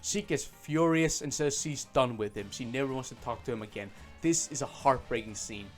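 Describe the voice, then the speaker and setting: A man's voice: mid-range voice, moderate pace, faint music behind. A man giving a casual, sarcastic game review full of swearing and fillers. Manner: sarcastic, profane, many fillers.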